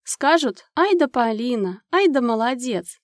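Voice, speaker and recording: A woman voicing a kind young woman who cares for a little girl, speaking gently and reassuringly. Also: a little high, lively intonation, measured pace, dry recording, studio quality, voice pushed up. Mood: gentle.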